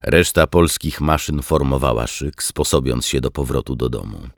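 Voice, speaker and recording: A man reading a wartime audiobook in steady, measured scripted narration. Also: extremely low pitch, no room sound, clean studio sound.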